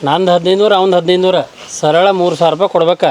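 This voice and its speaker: A curt village worker, played by a man, demands his pay. Street and vehicle noise sits clearly behind him. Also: sits high, fairly even intonation, very fast, lightly acted. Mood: demanding.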